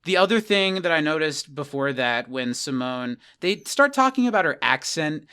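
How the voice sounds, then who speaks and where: A man's voice: fairly high pitch, sing-song, normal speed, sharp tone, smooth. A man co-hosting a casual podcast, recapping a TV episode and acting out the characters' lines as he goes. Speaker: podcast co-host. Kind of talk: casual rewatch podcast chat.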